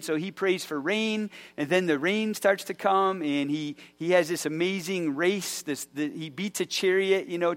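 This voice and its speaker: A pastor preaches in a loose, conversational style, frequently restarting sentences and relying on fillers. His voice is a bit higher than most men's, and he tells the story energetically while keeping his tone relaxed.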